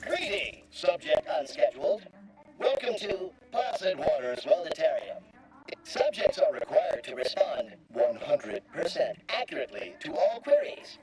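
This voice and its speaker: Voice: mid-range voice, sing-song, a little slow, over a noisy crowd, poor audio. An actor voicing an officious, rigid bureaucratic machine in a video game, speaking in formal, stilted, wordy phrases. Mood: formal, procedural. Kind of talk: scripted game dialogue.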